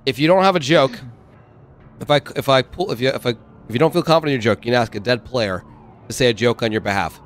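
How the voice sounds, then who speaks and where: Fast upbeat man hosting a game. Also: medium pitch. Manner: quick, upbeat, directing players. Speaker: game host. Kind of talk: casual voice chat.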